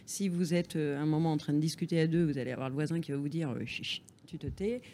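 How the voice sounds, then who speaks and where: A man with a somewhat high but mellow voice talks in a panel discussion. He speaks haltingly and corrects himself. There is faint ambient noise behind him. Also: fairly even intonation.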